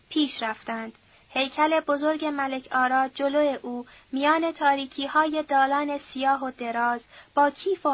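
A woman reading a novel aloud as an audiobook narrator, at a steady, measured pace. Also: sits high, no echo, muffled recording. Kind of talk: scripted narration.

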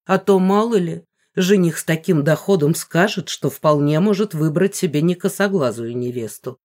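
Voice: mid-range voice, normal speed, darkish tone, lightly acted. A reader voicing a fussy, scheming middle-aged mother bent on marrying off her daughters, theatrical and bossy. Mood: fussing. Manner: theatrical, bossy, hissing when whispering.

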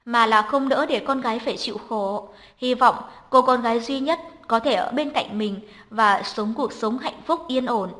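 A woman narrating a novel as an audiobook reader, in a calm, even reading voice. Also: a little high.

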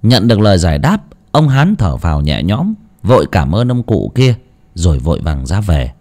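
A man narrating a ghost story with an expressive, dramatic reading. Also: low voice, normal speed. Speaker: audiobook narrator.

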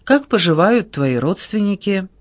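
A wry, weary middle-aged woman speaks coolly and firmly, as a male audiobook narrator puts her on. Her tone turns metallic when she insists. The voice sits a little high, recorded close and dry. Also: sing-song, a little slow, no room sound.

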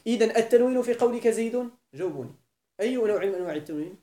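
In an echoey classroom, a Moroccan Arabic-accented man races through a grammar lesson, constantly questioning his students and going back over the main points. His voice is high-pitched, warm, and animated.

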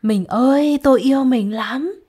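A woman's voice: high-pitched, a little slow, warm tone, slightly rough, pitched above the performer's own voice. A woman voicing a swaggering, lecherous male soldier who bullies and threatens, in a spoken storybook reading. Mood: leering. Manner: brash, flirty, then threatening.

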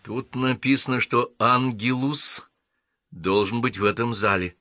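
A man reading an audiobook, voicing a brave young woman who talks in a lively, direct way. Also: medium pitch, unhurried, no echo, clean studio sound, voice pushed up. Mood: reassuring.

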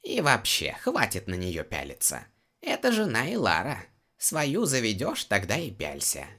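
A man's voice: fairly low pitch, huge pitch swings, measured pace, bright, forceful tone, pitched above the performer's own voice, full character voice. A male audiobook reader voicing a stern, teasing female shaman healer. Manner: scolding, teasing.

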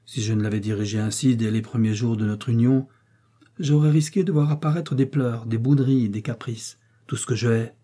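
A man reading an audiobook, voicing a domineering, coldly ironic prince with a dark, husky voice. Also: mid-range voice, fairly even intonation, fairly quick, close to an everyday voice. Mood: cold, commanding. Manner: commanding, cutting and sarcastic.

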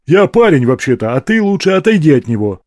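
A cheeky, scrappy young hustler talks fast and eagerly, as a man voices him in an audiobook. His voice sits well above the reader's own. The sound is dry and close. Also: medium pitch, no echo, voice pushed up, natural voice. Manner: quick, cheeky, excited.

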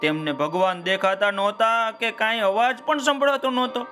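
A man's voice: high voice, normal speed, sharp tone, faint music behind. A man with a Gujarati accent narrating a children's story and addressing the young listeners directly.

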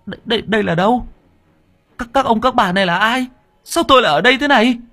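A bewildered young man stammers, tripping over his words in a voice pitched well above the narrator's own. His repeated words climb higher as they go, as a man narrating the story puts him on. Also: quick pace, sharp tone, soft background music, full character voice. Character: dazed young man stammering after a blow.

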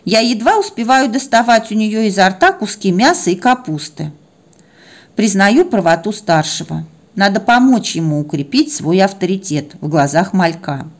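A woman's voice: mid-range voice, expressive, moderate pace. A woman narrating a story in a wry, chatty way.

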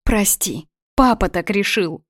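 A woman's voice: mid-range voice, expressive, slow pace, no room sound, clean studio sound, voice pushed up. A woman reading the lines of a worried, grieving mother with a trembling, pleading voice.

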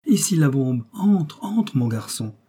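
A man's voice: mid-range voice, normal speed, dark tone, slightly rough, lightly acted. A man playing a firm, commanding detective.

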